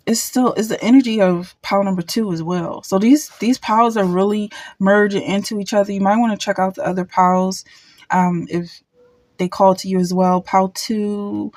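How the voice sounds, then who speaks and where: A woman's voice: mid-range voice, a little mellow, dry recording. Lady doing a chill tarot reading, kinda stop-start, restarts her words a lot. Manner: thinks aloud, halting, repeats and restarts words. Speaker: tarot card reader. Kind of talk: casual pick-a-card tarot reading.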